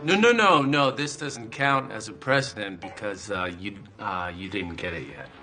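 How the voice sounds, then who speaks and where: Grumbling newlywed husband; lowish voice; music clearly under the scene. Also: male voice, animated, moderate pace. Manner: grumbling, defensive. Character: newlywed husband, grumbling, competitive with his wife. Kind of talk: sitcom acting.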